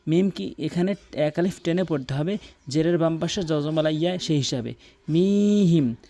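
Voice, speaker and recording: A man teaching Quran recitation, repeating each word slowly to correct pronunciation and chanting verses between explanations. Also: a little high, mellow. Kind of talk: tajweed pronunciation lesson.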